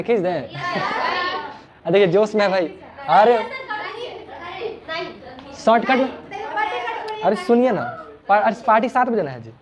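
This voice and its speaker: A man teaching English grammar informally in a small classroom, chatty and joking, often repeating his words. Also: high voice. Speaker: English tutor.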